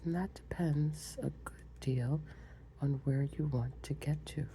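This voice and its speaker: A woman's voice: sits low, fairly even intonation, a little hiss or hum. A woman whispering as a sly grinning cat, whispered role-play. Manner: slow, hushed whisper. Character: grinning sly male cat, calm and riddling.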